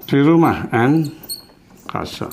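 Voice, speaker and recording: A man teaching a Spanish lesson in a classroom. He explains slowly and patiently and repeats each example. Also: a little high, animated, darkish tone, slight background noise.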